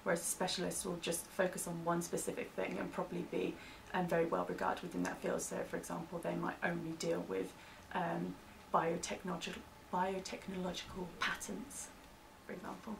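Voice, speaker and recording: A creaky, lowish British female voice with flat delivery and a slightly fast pace. As the interviewee in a staff-training piece, she explains legal terms informally, hedging with "kind of." Distant mic, faint background noise.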